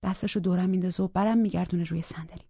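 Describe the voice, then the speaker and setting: Woman audiobook narrator, husky and gravelly, tense first-person thriller read; dull lo-fi sound. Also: on the low side, steady tone, mellow, no echo.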